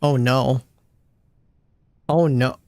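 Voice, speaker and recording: A woman streamer reacting live and casually to a game, excitable and slangy, repeating herself in disbelief. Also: a bass voice, drawn-out words, dry recording, clean studio sound.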